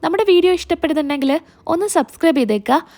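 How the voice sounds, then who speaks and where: A woman's voice: very high voice, expressive, fast, darkish tone. A woman hosting a channel, retelling a serial episode in a casual storytelling way and acting out the quoted lines.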